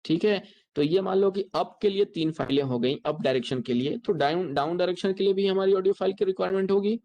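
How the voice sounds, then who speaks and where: An instructor with an Indian accent gives a software tutorial lecture in a mid-range voice, explaining step by step and repeating points.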